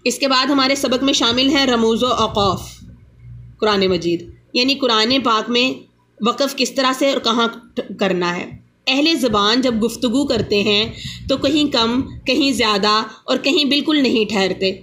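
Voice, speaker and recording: A woman with a fairly high voice gives a patient religious lesson on reading the Quran. She explains each rule slowly and repeats the important points. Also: bright, forceful tone. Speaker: Quran teacher.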